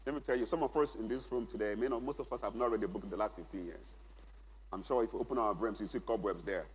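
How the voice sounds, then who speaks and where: A middle-aged man teaches at a church conference, stressing and repeating his key points. His voice is a little husky, and it echoes around a large hall with a long reverb tail. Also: on the low side, fast. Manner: emphatic, repeats key phrases for note-taking. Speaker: conference speaker.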